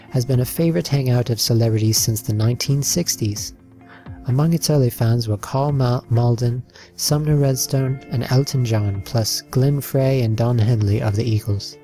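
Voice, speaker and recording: A man narrating a slideshow in an even, listing read with the odd slip. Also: mid-range voice.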